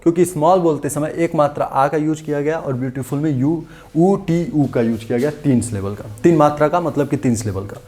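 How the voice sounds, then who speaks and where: Man teaching grammar, mellow. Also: fairly high pitch, a little fast. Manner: repetitive, asks and answers his own questions. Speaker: English teacher. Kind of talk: exam-prep grammar lesson. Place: classroom-style video lesson.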